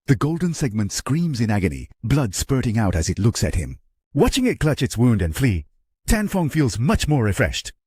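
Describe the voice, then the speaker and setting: A man's voice: mid-range voice, wildly swooping pitch, moderate pace, darkish tone, breathy edge, no echo, studio quality. A man narrating a story recap in a dramatic storytelling manner. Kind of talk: scripted narration.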